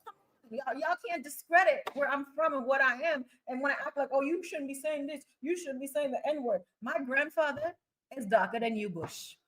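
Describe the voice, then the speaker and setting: A woman's voice: high voice, normal speed, a bit bright, rough recording. A woman born in Trinidad and raised in Queens, New York, in a brash, emphatic live-stream rant that repeats points for stress. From born in Trinidad and Tobago, raised in Queens, New York. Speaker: reality TV personality on a live stream.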